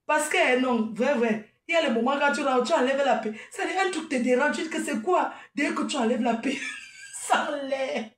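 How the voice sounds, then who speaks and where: A woman rants and mocks her critics in a high voice, laughing as she goes. She sits a little off the mic, and the room echoes around her. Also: moderate pace, distant mic. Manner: combative, mocking, laughing. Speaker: event promoter. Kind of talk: live video rant.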